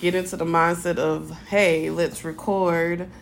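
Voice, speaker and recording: A woman's voice: lowish voice, flat delivery, unhurried, gravelly, slight background noise. A woman co-hosting a podcast in a laid-back casual chat, joking and swearing freely. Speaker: podcast co-host.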